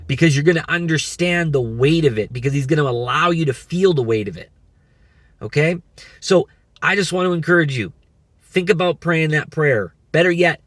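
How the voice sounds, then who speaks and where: A man in his thirties giving an earnest, halting faith testimony, often restarting his sentences and encouraging listeners to pray. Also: on the high side, a bit bright, dry recording. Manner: earnest, repetitive, many restarts. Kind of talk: personal testimony and exhortation.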